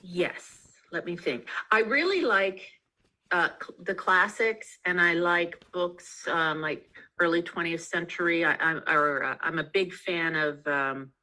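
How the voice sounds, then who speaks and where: A woman's voice: on the low side, measured pace, bright, forceful tone, rough recording. A woman author being interviewed over a video call, talking in a chatty way with many ums and restarts. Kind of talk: casual interview chat. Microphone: video call mic.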